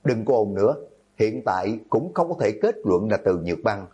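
A man's voice: fairly low pitch, big pitch swings, normal speed, warm tone, husky, dull audio. A man voicing a level-headed teenage student who firmly takes charge, in a horror audiobook. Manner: firm, commanding.

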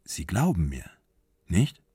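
A man's voice: low-pitched, very animated, slow, warm tone, slightly rough, no room sound, clean studio sound, voice pushed down, heavily acted. A man voicing a distraught young mother, speaking in an earnest, pleading way in a literary audiobook reading.

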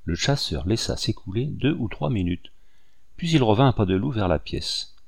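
A man narrating an audiobook in a measured, steady storytelling manner. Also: fairly low pitch, vocal fry, husky, no echo, clean studio sound. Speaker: audiobook reader.

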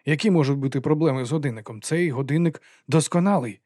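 A man's voice: on the high side, fast talker, darkish tone, no room sound, clean studio sound, natural voice. A man voicing a nervous young clockmaker who talks in an unsure, hesitant way.

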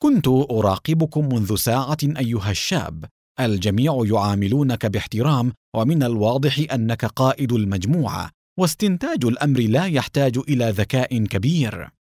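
A man voicing a masked cowboy vigilante in a storybook reading, calm and sarcastic. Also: medium pitch, a little fast, no room sound, studio quality. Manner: calm, mocking.

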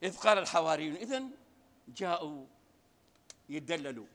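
A man preaching a Friday sermon, swinging from hushed tones to loud outbursts. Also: on the high side, animated, a little fast, big-room sound. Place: mosque.

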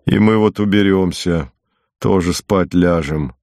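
A man voicing a kindly but sharp-tongued older peasant woman in an audiobook. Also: sits low, a little slow, no echo, clean studio sound. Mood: coaxing. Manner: coaxing then sharply scolding.

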